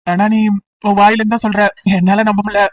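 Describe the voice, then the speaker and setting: A woman's voice: medium pitch, flat delivery, brisk, far from the mic, lightly acted, low-quality recording. A woman voicing a teasing, persistent young male college student in an amateur audio drama, talking in a playful, coaxing way.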